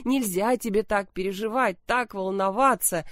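A woman's voice: mid-range voice, normal speed, a bit bright, dry recording, natural voice. A woman voicing a fussy, anxious older mother in a narrated story. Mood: flustered. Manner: fussy, flustered. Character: fussing anxious older mother, doting on one daughter.

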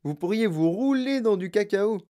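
A reader voicing an eccentric grown man who owns a chocolate factory, telling his tale in an animated way. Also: mid-range voice, normal speed, pitched above the performer's own voice, natural voice. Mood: enthusiastic. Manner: animated storytelling.

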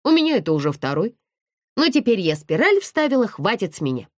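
A brash, gossipy young student girl, as a woman reads her out in an audiobook, blunt and teasing with coarse slang. Her pitch leaps up and down constantly. The recording is dry and close, with no room sound. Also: sing-song, fairly quick, no echo. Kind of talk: audiobook character voice.

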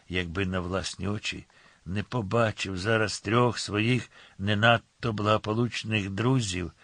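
A man narrating an audiobook in a measured, ironic storytelling manner. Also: fairly low pitch, a bit bright, dry recording. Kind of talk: scripted narration.

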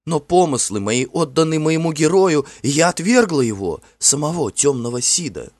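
A man's voice: a little high, very animated, moderate pace, darkish tone, no echo, pitched above the performer's own voice. Sadb, a trembling fairy maiden, as a man puts her on. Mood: tender. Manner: pleading, tearful. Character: frightened young fairy woman.

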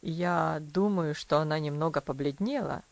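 A woman reading an audiobook, voicing a stern, strict middle-aged father in a lowered, insistent voice. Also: moderate pace, gravelly, no echo. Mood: stiff. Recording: dry, slightly dull recording.

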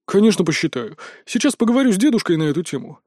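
Casting: male reader playing an excited young inventor, quick and eager, slightly high. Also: no echo, clean studio sound.

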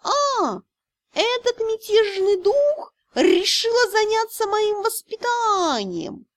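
A woman's voice: high-pitched, big pitch swings, slow, no echo, clean studio sound, full character voice. Woman voicing a smug drawling dragon-spirit cat. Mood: drawling sly. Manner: drawling, purring, teasing. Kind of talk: audiobook character voice.

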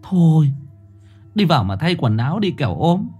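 A man's voice: a little high, sing-song, moderate pace, warm tone, breathy edge, muffled recording, voice pushed up. A man voicing a worried middle-aged village mother who fusses and pleads urgently, with faint music behind. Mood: anxious scolding.

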